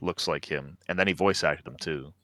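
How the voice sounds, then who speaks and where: A man's voice: extremely low pitch, moderate pace, fairly bright tone, no echo. A man talking as a guest on a casual podcast, dry and brushing off teasing. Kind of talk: casual chat.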